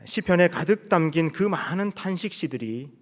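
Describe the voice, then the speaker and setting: A male pastor preaching a sermon to a congregation, building to emphatic rhetorical questions and then dropping low, with slow solemn passages of scripture reading. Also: animated, long reverb tail. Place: church sanctuary.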